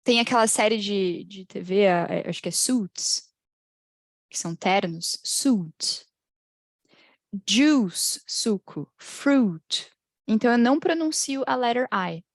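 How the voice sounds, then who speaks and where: A woman with a Brazilian Portuguese accent teaching English pronunciation in an online class. She laughs often and slowly draws out the model phrases. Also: medium pitch, dry recording, clean studio sound. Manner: lively, drawn-out model phrases, frequent laughs.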